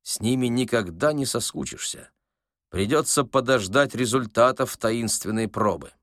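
A man's voice: mid-range voice, moderate pace, a bit bright, no room sound, studio quality, natural voice. A man voicing a genial, self-assured con man who talks easily with a light mocking edge. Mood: amused. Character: smooth confident male con man, genial and playful. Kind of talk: audiobook character voice.

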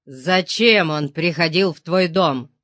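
A man voicing a stern inquisitor who asks short, pressing questions at a slow pace. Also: on the high side, pushed and bright, no room sound, studio quality. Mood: interrogating. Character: stern male inquisitor, cold interrogator.

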